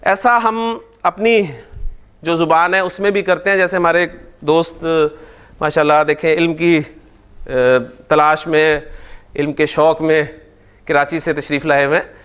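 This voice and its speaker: High-voiced, animated male grammar teacher. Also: smooth. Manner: animated, asks the class frequent check questions. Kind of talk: classroom lecture.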